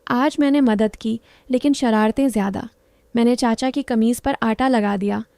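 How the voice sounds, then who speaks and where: A woman narrating a first-person story in short, clipped phrases, soft and intimate. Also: fairly high pitch, moderate pace, dry recording.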